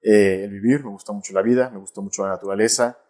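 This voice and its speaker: Reflective priest, lowish voice. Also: male voice, steady tone, fast, darkish tone. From Mexico. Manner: reflective, frequent tag "¿no?" and restarts. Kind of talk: casual interview conversation.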